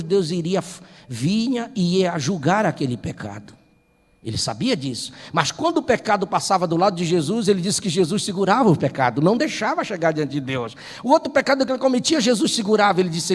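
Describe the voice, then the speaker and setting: A Brazilian male pastor with a high, breathy-edged voice recounts a story in a Sunday school sermon, growing from hushed narration to impassioned preaching. The sound carries a long reverb tail.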